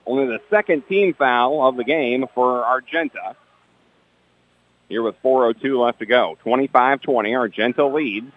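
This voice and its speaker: A man's voice: mid-range voice, no echo, narrow, tinny audio. A man giving play-by-play commentary on a basketball game, rattling off each pass and adding dry asides about the officiating. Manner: rapid player-by-player calls, dry asides about the refs. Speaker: play-by-play announcer.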